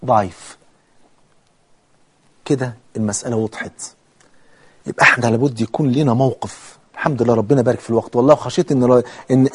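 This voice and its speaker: A middle-aged man with an Egyptian accent giving a televised religious lesson, animated and emphatic, acting out opponents' objections. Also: fairly high pitch, slightly rough. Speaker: religious TV preacher.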